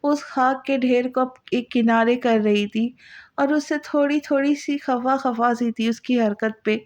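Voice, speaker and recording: A woman's voice: on the high side, darkish tone, highs cut off. A woman narrating an Urdu novel as an audiobook in an emotional, dramatic way. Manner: emotional, voices the characters' cries.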